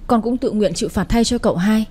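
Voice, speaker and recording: A woman's voice: on the high side, quick pace, dark tone, breathy edge. Woman voicing a devoted manservant. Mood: resolute. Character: devoted male servant, quietly stubborn.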